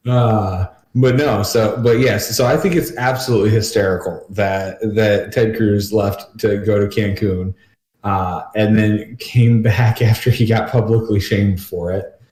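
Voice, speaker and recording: Joking low-voiced man, echoey room. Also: steady tone, a little slow, a little mellow. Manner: joking, self-deprecating. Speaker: podcast co-host. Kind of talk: casual chat.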